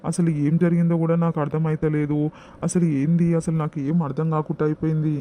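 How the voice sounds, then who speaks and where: A guilty husband pleads and begs in a flat, unvarying voice, played by a man. He speaks with a Telangana accent in a dark, dull tone, a touch higher than most men, in a homemade comedy skit. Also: fast talker, a little hiss or hum, close to an everyday voice. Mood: pleading. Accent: Telangana Telugu. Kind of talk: village comedy skit acting.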